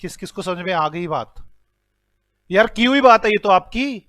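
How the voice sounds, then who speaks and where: In a dry, clean studio recording, a man with a high, bright, animated voice teaches at a moderate pace. He jokes with and teases his students as he works through sums out loud in Hindi, dropping in English numbers.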